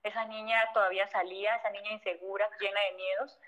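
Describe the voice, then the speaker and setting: A woman's voice: medium pitch, little pitch movement, quick pace, a bit bright, dull audio. A woman with a Mexican accent, a former model, telling a personal story in an emotional, vivid way and acting out old conversations. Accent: Mexican Spanish. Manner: emotional, vivid retelling that acts out past conversations, frequent "o sea" fillers.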